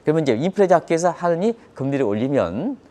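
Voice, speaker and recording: Here a man talks fast, pitched a little high, while delivering live economic commentary. Though his timbre is mellow and relaxed, his intonation is very lively, and he explains emphatically, raising rhetorical questions along the way.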